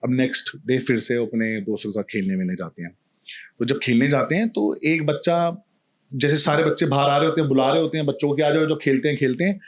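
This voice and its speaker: A male storyteller in a casual podcast, narrating a folk tale with lively animation and slipping into each character's voice. His pitch sits right in the middle for a man, and his talk stays loose and conversational. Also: fast talker. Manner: animated, acts out every character.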